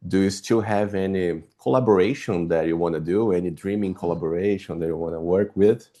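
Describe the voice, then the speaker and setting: A male interviewer with a low-pitched voice asks questions in a casual way. His tone is dark and relaxed. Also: fairly quick.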